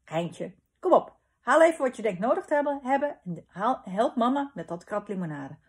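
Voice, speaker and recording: Storybook dad, boastful excitable inventor, loud and bouncy, read by a woman. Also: on the high side, moderate pace, slightly rough, pitched above the performer's own voice, exaggerated voice. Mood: eager. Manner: loud, bouncy, brushing off doubts.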